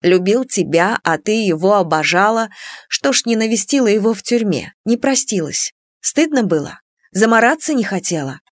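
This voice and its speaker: A woman's voice: on the low side, expressive, measured pace, few pauses, dry recording. Woman voicing a weary mother, dry, mocking, bitter, close dry sound.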